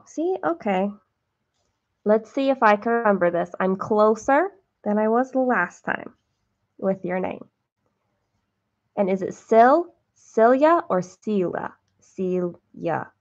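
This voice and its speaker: A woman's voice: medium pitch, animated, a little slow, long pauses, a little mellow, dull audio. A woman hosting a cross-stitch livestream, chatting casually and self-deprecatingly with viewers while counting her stitches.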